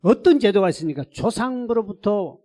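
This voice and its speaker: A male pastor preaching at a church revival meeting, telling a story in a lively, colloquial way with emphatic repetition. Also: high voice, moderate pace. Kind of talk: sermon. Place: church service.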